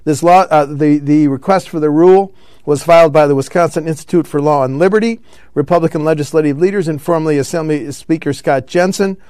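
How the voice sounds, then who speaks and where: Man, political talk host, smooth resonant voice, slightly high, dry close sound, halting with fillers. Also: darkish tone, no room sound. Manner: reads news items with frequent fillers and self-corrections. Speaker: radio show host.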